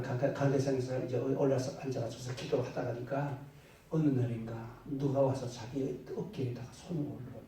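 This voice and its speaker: A man pastor preaching a storytelling sermon. He drops to soft asides, then rises into loud, emphatic bursts. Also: medium pitch, slight background noise. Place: church sanctuary. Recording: very echoey church hall, mic at a distance.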